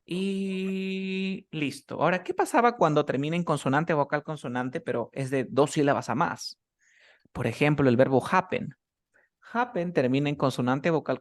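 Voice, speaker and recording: A man teaching English grammar in a one-on-one class, explaining rules step by step and checking often that his student follows. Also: on the high side. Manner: patient, keeps checking understanding with short questions.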